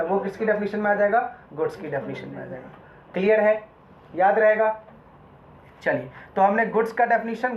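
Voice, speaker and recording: A male law lecturer teaching a classroom, mixing Hindi with English terms and asking his students questions as he goes. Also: high-pitched. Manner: addresses students as "beta", quizzes them often. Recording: echoey room, dull lo-fi sound.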